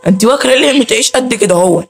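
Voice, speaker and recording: A man's voice: extremely high pitch, animated, rapid-fire, creaky, husky. A man with an Egyptian accent hosting a let's play, chattering nervously to viewers and pleading with the game character. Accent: Egyptian Arabic. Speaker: gaming channel host.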